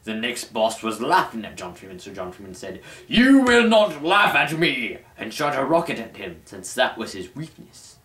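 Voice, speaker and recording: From a small, dim room at home, a young adult host and reader delivers a mock-dramatic reading with grand, pompous formality. His medium pitch moves through broad, animated swings. An echoey, roomy sound comes from a camera mic placed a little way off.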